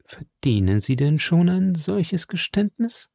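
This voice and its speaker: A man reading an audiobook, voicing a cunning, scheming noble lady in a cool, measured, probing manner. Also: a little high, big pitch swings, gravelly, a little mellow, no echo, studio quality, voice pushed up, heavily acted.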